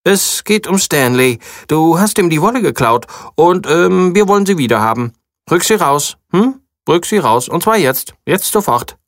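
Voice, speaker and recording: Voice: medium pitch, animated, normal speed, dry recording, clean studio sound, pitched above the performer's own voice, lightly acted. A storyteller voicing a resourceful, determined female mouse who gives orders in a children's audiobook. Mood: bossy. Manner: bossy, determined. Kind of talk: audiobook character voice.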